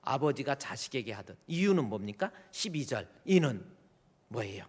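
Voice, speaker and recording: A man preaching a sermon as pastor. He shifts from quiet asides to loud, emphatic exhortation and acts out a pastor admonishing church members. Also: medium pitch, very animated, moderate pace, slightly rough, long reverb tail. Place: church sanctuary.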